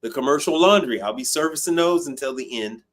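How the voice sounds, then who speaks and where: A man's voice: on the high side, expressive, fairly quick. Blunt, profane man in his fifties. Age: 50s. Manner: blunt and profane, repeats himself for emphasis. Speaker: host of a call-in live stream. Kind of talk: casual live-stream talk.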